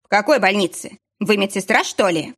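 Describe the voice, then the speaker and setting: A woman's voice: medium pitch, animated, normal speed. Woman voicing a stern, curt businessman. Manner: curt, commanding. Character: stern, busy middle-aged man, ex-husband.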